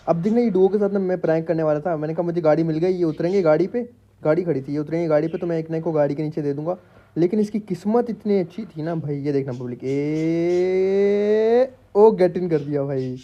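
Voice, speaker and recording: A man's voice: fairly high pitch, fast talker, muffled recording. A man doing a casual, jokey gameplay voice-over for his channel at home, talking straight to his viewers. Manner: chatty, jokey, addresses viewers as public. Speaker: gaming YouTuber. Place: home room with pet parrots.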